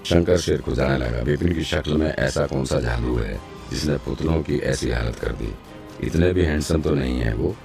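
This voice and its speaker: Very deep, gravelly male storyteller. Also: normal speed, a little mellow, faint music behind. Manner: dramatic, teasing asides. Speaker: narrator. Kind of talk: storytelling recap narration.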